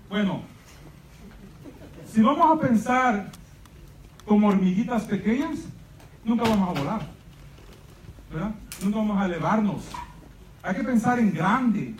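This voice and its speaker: A high-pitched, darkish male voice belongs to a program founder from El Salvador giving an emphatic, impassioned speech at a live event. Addressing parents and students in a large room, he often checks that they agree with "right?", heard through a roomy, distant mic with faint noise.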